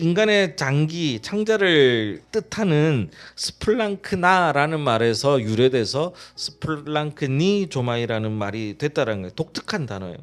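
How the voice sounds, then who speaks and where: A male pastor preaching a sermon, leading the congregation in reading and asking them questions. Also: medium pitch. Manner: lively sermon with call-and-response reading.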